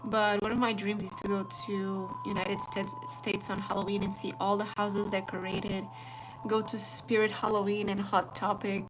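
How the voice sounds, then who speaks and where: A woman's voice: medium pitch, moderate pace, music in the background. A young woman from Portugal with a Portuguese accent, chatting casually to viewers while she draws a planner spread. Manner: chatty, relaxed, talks to viewers while drawing. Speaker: planner artist and vlogger. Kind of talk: casual live-stream chat while journaling.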